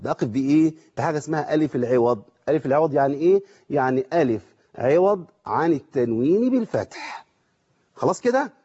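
A man with an Egyptian accent gives a rapid tajweed lesson in a fairly high, mellow voice. He keeps putting questions to his students and answering them himself, and the recording sounds dull and lo-fi. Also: slightly rough. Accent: Egyptian Arabic. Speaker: Quran recitation teacher. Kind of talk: tajweed lesson with recited examples.

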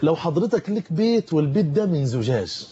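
Fervent, fast-talking Egyptian preacher man. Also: a little high, sing-song, warm tone, muffled recording, slight background noise. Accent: Egyptian Arabic. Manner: fervent, urgent warnings. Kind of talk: televised sermon. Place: television studio.

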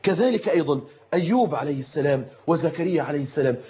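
A man preaching a sermon with an Egyptian accent, fervent and emphatic, repeating his phrases for force and rising at times to shouts. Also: a little high, expressive, rapid-fire. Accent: Egyptian Arabic. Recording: dull lo-fi recording.

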